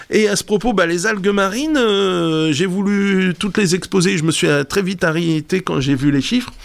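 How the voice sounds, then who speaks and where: Male radio presenter, fry in the voice, casual, hesitant and full of fillers. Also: on the high side. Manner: hesitant, explanatory, many fillers. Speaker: radio segment presenter on marine plants.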